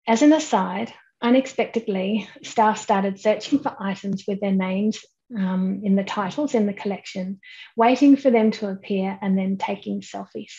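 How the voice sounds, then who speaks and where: Framed from the head and shoulders by a desk webcam, a female keynote speaker presents to an online conference from indoors at home, with a plain wall behind her. The audio is mellow and dull, her pitch medium, and her measured explanations are sprinkled with frequent "um"s.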